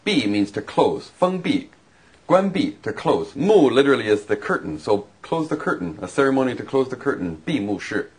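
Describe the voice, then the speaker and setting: A man's voice: mid-range voice, very animated, normal speed, slightly rough. A man teaching vocabulary and grammar in a lesson, explaining patiently with examples. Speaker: language teacher.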